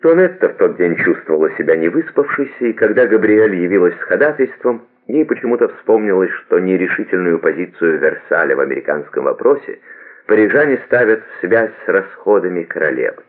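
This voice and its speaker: A man narrating a novel as an audiobook, reading in a steady, even way. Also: sits low, a little fast. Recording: tinny phone-like lo-fi audio.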